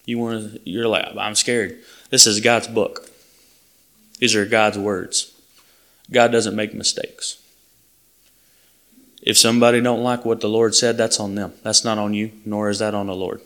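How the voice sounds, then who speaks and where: A man delivers a sermon to his congregation. His slightly low voice carries an earnest, plain-spoken manner. He often stops and restarts mid-sentence. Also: little pitch movement, unhurried, long pauses, fairly bright tone. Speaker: preacher.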